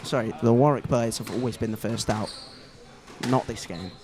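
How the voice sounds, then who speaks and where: A man's voice: mid-range voice, normal speed. Chatty young male squash commentator. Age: young adult. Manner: chatty lead commentator, many restarts. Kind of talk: live sports commentary.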